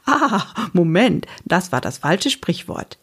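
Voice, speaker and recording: A woman voicing a jolly, round older man in a children's audiobook, speaking slowly and solemnly in flowery phrases. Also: on the low side, big pitch swings, fairly bright tone, husky, exaggerated voice.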